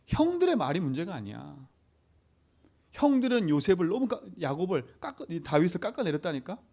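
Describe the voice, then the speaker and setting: Animated male pastor preaching. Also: high-pitched, a little fast. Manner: keeps asking the congregation short questions for agreement. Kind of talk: sermon to a youth service.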